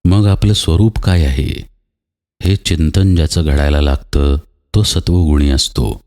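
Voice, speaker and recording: Man, spiritual teacher; very low, dark voice; patient, example-driven discourse in a reverberant hall. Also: measured pace. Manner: patient explaining with everyday examples and rhetorical questions.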